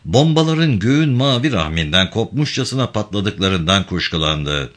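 Narrating a war novel for an audiobook, a man reads in a low, bright voice at a moderate pace. His delivery is dramatic and expressive, with his pitch swinging widely up and down.

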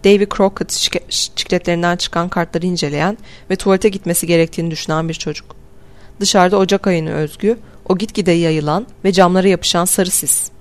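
A woman reading a novel aloud as a steady, measured audiobook narration. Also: fairly low pitch. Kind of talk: scripted narration.

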